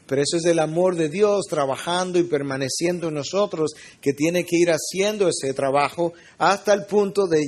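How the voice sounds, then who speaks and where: A man's voice: a little high, darkish tone. A middle-aged man who is a pastor, preaching an earnest teaching sermon and speaking straight to his listeners.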